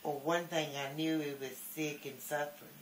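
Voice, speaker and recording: An older man talking reflectively and casually, halting and repeating his words. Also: fairly high pitch, steady tone. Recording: echoey room, faint background noise.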